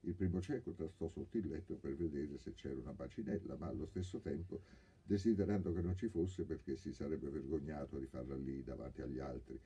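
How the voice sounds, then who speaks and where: A male actor reading a novel aloud in a measured, dramatic narration. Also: very deep voice, mellow, slightly rough. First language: Italian. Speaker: audiobook reader. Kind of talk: literary narration.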